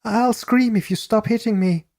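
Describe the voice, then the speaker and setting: A man voicing a terrified young woman in a true-crime story, giving shrill, frantic, pleading cries. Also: normal speed, vocal fry, darkish tone.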